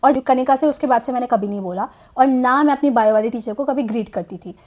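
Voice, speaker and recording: A woman's voice: fairly high pitch, fast talker, a little mellow. A young woman telling a personal story in a casual, chatty way, mixing in English phrases and often adding "theek hai". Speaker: storytime vlogger.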